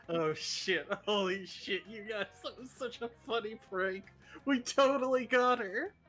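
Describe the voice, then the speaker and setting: Brief: gushing, tipsy game prankster woman, played by a man, bright, raised voice, giddy. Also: high-pitched, soft background music, pitched above the performer's own voice. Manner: giggly, halting, gushing.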